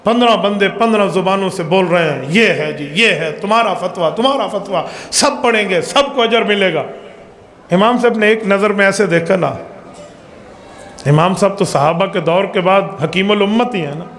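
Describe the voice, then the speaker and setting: A Pakistani man preaches with insistent, rhythmic emphasis, stacking repeated phrases. His voice sits unusually high. It rings out through a large, echoey hall with a long tail of reverb. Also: a bit bright. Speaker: mufti preaching. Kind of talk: sermon. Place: large echoing hall at a seminary gathering.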